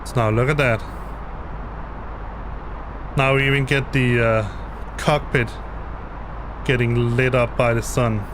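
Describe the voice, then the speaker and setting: A man's voice: mid-range voice, steady tone, takes it slowly, long pauses, background noise. A man whose first language is Danish, explaining something on a live stream and often hesitating, restarting and repeating words. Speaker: flight sim streamer. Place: home basement.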